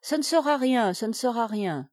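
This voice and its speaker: Woman doing a gentle young lady of the house, hushed, coaxing, soothing, fairly high voice, dry close sound, audiobook. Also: lively intonation, normal speed, no room sound, close to an everyday voice.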